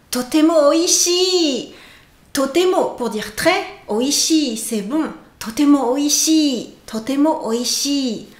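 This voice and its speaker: A woman teaching a casual video lesson, playful and expressive, stretching out her sample words. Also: high voice, roomy sound. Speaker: Japanese language teacher.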